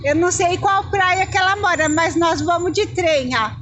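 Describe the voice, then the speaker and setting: A woman's voice: very high-pitched, moderate pace, fairly bright tone, slight background noise. A woman vlogging casually from a phone on an open cable car outdoors, chatty, nervous and exclaiming. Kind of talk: casual vlog narration. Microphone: handheld phone.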